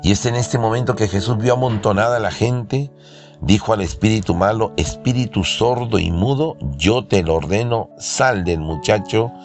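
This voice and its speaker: A low, gravelly male voice delivers an impassioned sermon and leans hard on key words. Faint instrumental music plays underneath him. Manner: fervent, emphatic preaching with sudden raised shouts. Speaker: preacher.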